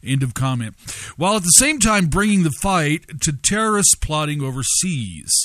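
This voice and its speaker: A man preaching and reading news aloud, telling a story with many pauses and fillers and stressing key words. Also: a little high, big pitch swings, a bit bright, dry recording.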